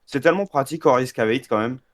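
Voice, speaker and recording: Calm young man chatting over a game. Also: mid-range voice, quick pace. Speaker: co-player. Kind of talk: casual gameplay chat.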